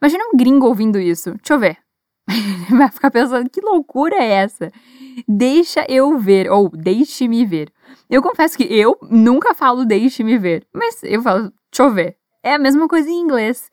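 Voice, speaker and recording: Encouraging Brazilian teacher drilling English phrases. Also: female voice, a little high, big pitch swings, a little mellow, dry recording, clean studio sound. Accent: Brazilian Portuguese. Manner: slow, careful pronunciation of model phrases. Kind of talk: language lesson with repeat-after-me drills.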